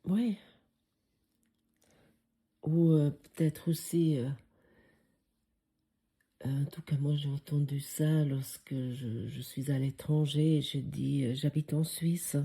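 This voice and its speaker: A low-voiced woman with a foreign accent carrying a Swiss tinge gives a reflective spiritual lesson. She speaks slowly and hesitantly, filling pauses as she muses. Her tone is very dark and mellow. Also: fairly even intonation, vocal fry. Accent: foreign French accent with Swiss tinge. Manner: hesitant, many fillers, musing. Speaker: spiritual course teacher.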